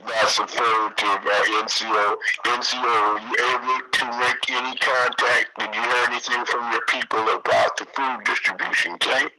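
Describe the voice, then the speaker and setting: A man's voice: mid-range voice, level tone, normal speed, few pauses, background noise. A man checking in on a radio net, heard over a two-way radio with distortion, who repeats himself and ends lines with "okay".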